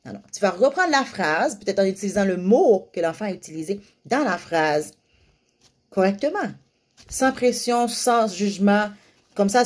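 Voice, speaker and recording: A young woman giving parents casual advice, lively and now and then slipping into sing-song baby-talk examples. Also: medium pitch. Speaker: parenting vlogger giving tips.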